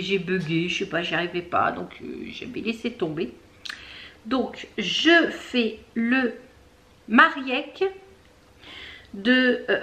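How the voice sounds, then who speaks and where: A woman hosting a knitting video podcast from home, chatting casually with many fillers, pausing to search for words and things. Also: medium pitch, pushed and bright. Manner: chatty, talks straight to viewers. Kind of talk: casual show-and-tell chat.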